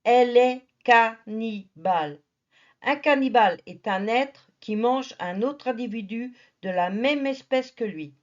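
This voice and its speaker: Speaking a little slowly in a fairly high voice, a woman tells a nature documentary's story with familiar teasing and playful asides aimed at the viewer. The audio sounds dull.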